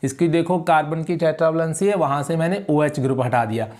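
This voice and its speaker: A male chemistry teacher lecturing in a classroom, his voice sitting a little high for a man. He keeps checking that students understand and calls them "beta". He drags out key terms slowly so they can note them down. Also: darkish tone. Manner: checks understanding with repeated questions; repeats key words slowly for dictation.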